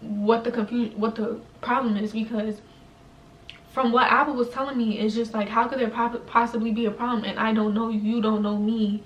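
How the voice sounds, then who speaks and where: A young woman tells a story in loose, slangy chat, leaning on "like" and "you know." Her voice sits a little high. She is recorded in a roomy space from a few feet off, with faint noise in the background. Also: flat delivery, moderate pace, muffled recording. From New York, USA. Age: young adult. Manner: slangy, chatty, heavy use of "like". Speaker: vlogger. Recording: roomy echo, mic at a distance, faint room noise.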